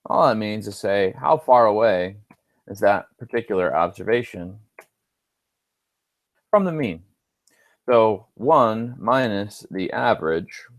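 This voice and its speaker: A man's voice: lowish voice, no echo. A male instructor talking through homework answers on screen, casual and thinking aloud with dry little asides. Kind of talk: screen-recorded homework walkthrough.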